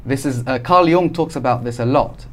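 A man's voice: medium pitch, moderate pace, a bit bright. Male podcast guest from Algeria, explanatory, casual, frequent restarts. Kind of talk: casual conversation.

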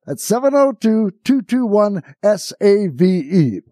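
A man's voice: high-pitched, sing-song, measured pace, dark tone, no room sound, clean studio sound. A man hosting talk radio, delivering an exasperated, incredulous comic rant off the cuff, rambling through asides and rhetorical questions. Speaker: radio talk show host.

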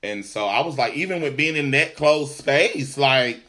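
Sassy guy chatting on a podcast, big swings up and down, middle pitch. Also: moderate pace. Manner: sassy, animated storyteller with swings in pitch and loudness. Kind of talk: casual chat.

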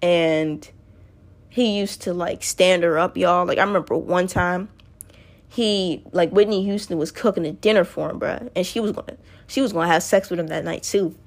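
A woman's voice: on the low side, normal speed. Rambling woman chatting to her listeners. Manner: rambling, self-correcting, often addresses listeners directly. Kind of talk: casual monologue to listeners.

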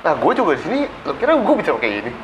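A man in his late twenties chats casually in Jakarta slang with a Jakarta accent, tossing in English words. He talks very fast with lively swings of pitch. The sound is echoey, with noise behind him. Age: late 20s. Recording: muffled, echoey, noisy location with vehicle sounds.

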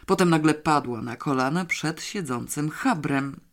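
Expressive audiobook narrator, middle pitch, dramatic storytelling. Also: a little slow.

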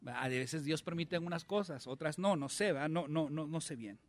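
A man's voice: a little high, normal speed. A male pastor, preaching a conversational sermon and asking his congregation many questions.

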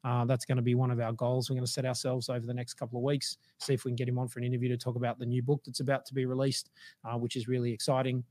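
A man's voice: medium pitch, completely flat delivery, very fast, a little mellow. A man hosting a casual business livestream. He rambles with many fillers and restarts, and his voice is starting to go. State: losing his voice. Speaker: livestream host.

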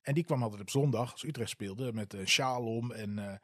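A man in his forties from the eastern Netherlands speaks in a relaxed, conversational way. He often pauses on filler sounds while he gathers his thoughts, and his voice sits at an ordinary middle pitch. The recording is dry, with almost no room sound. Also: no echo. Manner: candid, hesitant, with many filler sounds. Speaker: football club supporter. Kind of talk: casual spoken storytelling.

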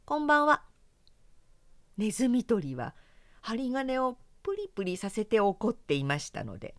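A professional woman narrator reading a children's story aloud, expressive and clearly articulated, close to the mic. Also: medium pitch, normal speed, no echo.

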